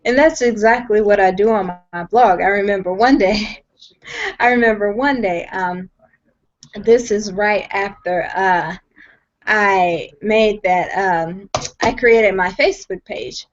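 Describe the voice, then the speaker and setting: A young woman, appearing as a guest, gives a personal testimony over a video call from her home, speaking slowly in a medium pitch. She's earnest and emphatic, frequently restarting sentences and saying things twice. The lo-fi call audio is dull, with a slight hiss or hum.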